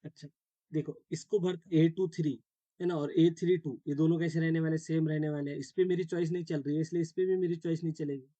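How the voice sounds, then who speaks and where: A man's voice: on the high side, fairly even intonation, fairly quick, mellow, no room sound, dull audio. A man teaching a math class step by step, often checking that students follow and mixing English terms into his Hindi. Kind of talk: classroom lecture.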